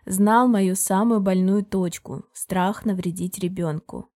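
A woman narrating a novel in the first person, in a steady, measured storytelling manner. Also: medium pitch. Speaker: audiobook narrator.

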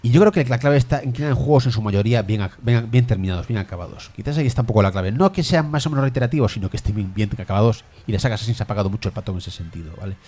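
A man from chatting on a gaming podcast, telling stories with animated acted-out voices. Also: lowish voice, rapid-fire, few pauses, breathy edge. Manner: animated storytelling, acts out voices. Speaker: podcast co-host. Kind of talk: casual gaming podcast chat.

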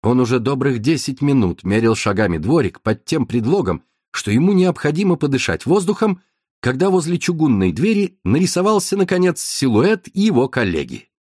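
Male reader, husky voice, very lively pitch, story narration. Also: moderate pace, no echo, clean studio sound. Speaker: audiobook reader. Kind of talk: scripted narration.

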